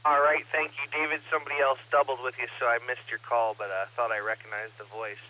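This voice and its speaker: Net control operator, steady and methodical, mid-pitched man's voice, narrow radio-band sound over a two-way transmission. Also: quick pace. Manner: steady, methodical, reads back call signs. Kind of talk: amateur radio net check-ins. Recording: narrow, phone-like radio audio.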